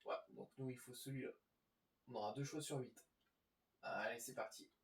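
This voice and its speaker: Gravelly man commentating a game, roomy echo. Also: medium pitch, steady tone, normal speed. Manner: informal, addressing viewers. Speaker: gaming video host. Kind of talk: casual gameplay commentary.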